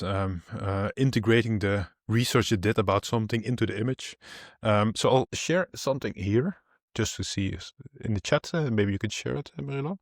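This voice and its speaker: A man's voice: fairly low pitch, no room sound, studio quality. A man co-hosting a casual tech podcast, explaining things loosely with lots of fillers. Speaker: podcast co-host.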